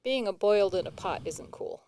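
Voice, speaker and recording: A woman's voice: medium pitch, expressive, normal speed, darkish tone, slight background noise. A woman with a New England accent co-hosting comedic banter in a matter-of-fact, dry way. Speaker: co-host.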